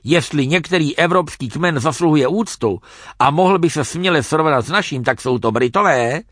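Vain old chief guy man putting it on, kinda high, sentimental, blows up fast. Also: animated, dry recording, studio quality. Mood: lecturing. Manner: sentimental, flares into shouting.

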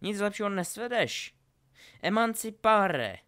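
A man's voice: medium pitch, very animated, a bit bright. A man voicing a sneering, hot-tempered adult male wizard in a storybook reading, taunting and biting. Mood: taunting, shouting.

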